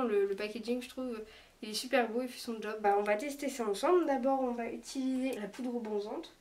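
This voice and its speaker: A woman reviewing makeup in a casual, chatty way, hesitating often as she talks. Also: a little high. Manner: chatty, hesitant, lots of small pauses. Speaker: beauty vlogger. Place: room lit by daylight. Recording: voice a bit far from the mic.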